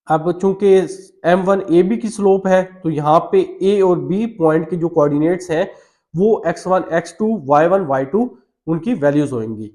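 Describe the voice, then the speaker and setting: A man's voice: high voice, normal speed, a little mellow. Patient Pakistani Urdu-accented male maths teacher. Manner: patient, repeats each step with fillers. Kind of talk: explaining a maths solution step by step.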